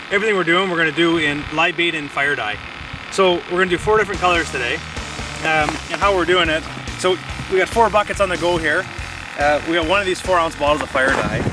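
A man in his thirties outdoors on a frozen lake, calmly explaining step by step how he prepares his bait. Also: fairly high pitch, low-quality recording. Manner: steady, practical, step-by-step. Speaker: fishing show host. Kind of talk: instructional explanation.

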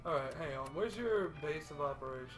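A man in a casual gaming chat, reacting loudly and laughing at the action. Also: a little high, animated, brisk, soft background music.

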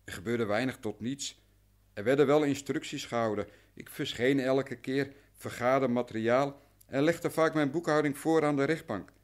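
In a Dutch radio drama, a man plays a long-suffering client who is anxious, deferential and talkative, recounting things at length and in meticulous detail. His natural voice has a medium pitch and a normal speed. The mood is earnest and resigned.

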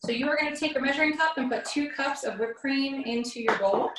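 A woman's voice: high voice, a little fast, heavy background noise. A young woman giving a casual cooking demonstration in a home kitchen, explaining each step in a chatty way with fillers. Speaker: cooking instructor. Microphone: camera across the counter. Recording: echoey kitchen, far from the mic.

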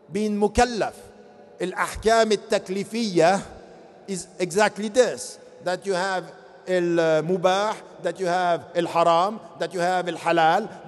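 A man in his fifties giving an impassioned religious lecture at a podium mic on a convention stage, asking rhetorical questions. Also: high voice. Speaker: convention speaker. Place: large convention hall stage. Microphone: podium gooseneck mic. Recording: long reverb of large hall.

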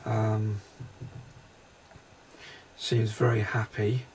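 A man working as a psychic medium, describing impressions in a halting, hesitant way inside a railway carriage during a paranormal investigation. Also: on the low side, flat delivery, darkish tone, slight background noise.

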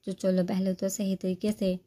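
A woman reads a romance novel aloud in a steady, unhurried narration. Her voice is mellow and soft at the edges, and her pitch stays level, with little melody. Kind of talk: novel reading.

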